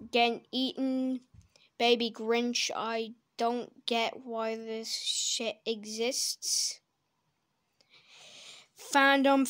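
A woman reacting to videos in casual commentary, blunt and crude with plenty of swearing. Her voice sits fairly high and she talks slowly, with occasional sudden loud outbursts, close to a desk mic. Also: clear, resonant tone.

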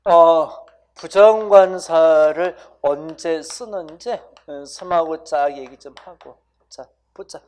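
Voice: medium pitch, slow pace, darkish tone. Chatty exam-prep English teacher. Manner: casual banmal, keeps asking students "right?"; addresses students directly, coaxing them to repeat sounds.

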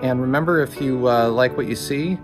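A man's voice: mid-range voice, normal speed, rough recording. Casual male vlogger over guitar music. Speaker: pilot and video host. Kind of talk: casual vlog introduction.

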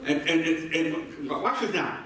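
A man preaching with a high voice that rings through a very echoey sanctuary, picked up from well back in the room. He stacks repeated words as he builds each point and keeps calling on the congregation to respond. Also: animated, a little slow, a bit bright, distant mic. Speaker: pastor. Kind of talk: sermon with call-and-response. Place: church sanctuary.

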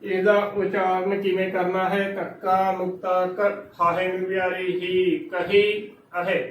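A man's voice: high-pitched, roomy sound, recorded from a distance, lo-fi sound, slight background noise. A man with a Punjabi accent teaching pronunciation, spelling out words letter by letter in a patient, corrective way. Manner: repeats each word letter by letter, patient and corrective. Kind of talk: slow methodical spelling-out lesson.

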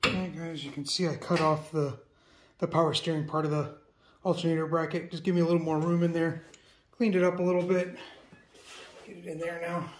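A man's voice: fairly high pitch, level tone, brisk, long pauses. A man talking casually and matter-of-factly to viewers as he does hands-on mechanical work in a garage, filming himself. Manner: informal, matter-of-fact. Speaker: DIY mechanic filming a build. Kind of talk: casual hands-on explanation to viewers while working. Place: garage workshop, working on a car. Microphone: camera set near the engine, off the speaker.

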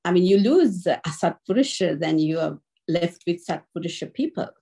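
Husky low woman, halting speech. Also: expressive, warm tone. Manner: halting, searching for words. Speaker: participant in Dharma chat.

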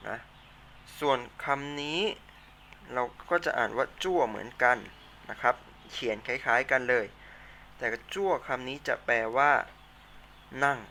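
A man's voice: medium pitch, creaky, pushed and bright, slight background noise. A Thai-accented male teacher explaining vocabulary in a patient classroom lesson, repeating words for students to say back. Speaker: Chinese teacher.

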